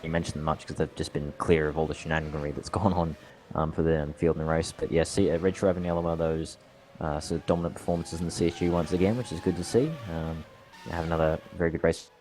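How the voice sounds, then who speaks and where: A man's voice: a bass voice, fairly even intonation, quick pace, darkish tone, faint music behind. A man with an Australian accent doing chatty live commentary on a sim race, rambling with frequent asides.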